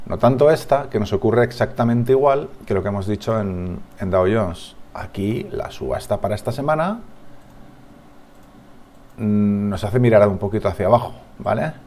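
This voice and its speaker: A man's voice: fairly low pitch, normal speed, darkish tone, slight background noise. A man with a Spanish accent from Spain, giving a market analysis over charts as a trading analyst, thinking aloud with frequent restarts and tag questions.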